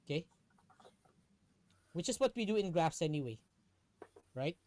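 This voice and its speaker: A man's voice: on the high side, sing-song, a little slow, a little mellow. Patient male tutor teaching live. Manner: patient, checks understanding often. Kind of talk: live online lesson.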